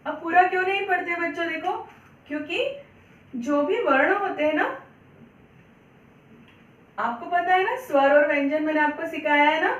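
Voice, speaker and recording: Patient high-voiced woman teaching children. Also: a bit bright, reverberant, far from the mic, muffled recording. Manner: patient, repeats words slowly, asks and answers own questions. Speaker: primary school Hindi teacher. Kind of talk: children's online lesson.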